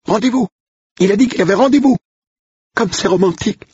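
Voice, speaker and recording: Odile, a man doing a shrieking excitable young cook. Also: high voice, brisk, husky, no room sound, muffled recording, pitched above the performer's own voice. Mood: shrill excitement. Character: excitable young woman cook, shrill, gossipy.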